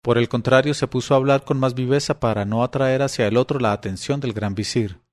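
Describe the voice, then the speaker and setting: A man narrating an audiobook of classic tales at a middle pitch. His delivery is even and clear, the steady pace of a storyteller reading a long book aloud. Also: fairly quick.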